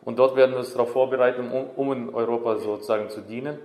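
A man interpreting a sermon live, phrase by phrase, often hesitating and correcting himself. His voice sits at a middle pitch. The church hall is roomy and echoing. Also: steady tone, fast talker, a little mellow. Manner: hesitant, many fillers and self-corrections.

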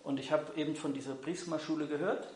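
A man with a slightly high, darkish voice speaks quickly in a steady tone while leading a church gathering. He makes announcements and interprets a guest's words live, switching languages, friendly but hesitant with frequent ums. The hall is echoey.

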